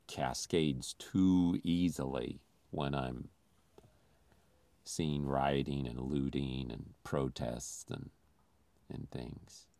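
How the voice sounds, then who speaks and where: A man's voice: very deep voice, darkish tone, no echo. A man who grew up in the Philippines, giving an earnest, confessional sermon as a pastor.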